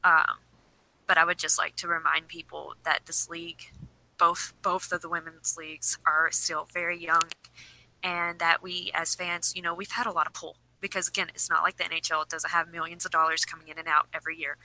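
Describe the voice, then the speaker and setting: Woman on a podcast, super bright voice, kinda low, earnest and a bit shivery. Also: little pitch movement, brisk, low-quality recording. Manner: earnest, pleading. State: shivering, slightly shaky voice. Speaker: podcast co-host. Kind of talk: casual chat. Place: cold room.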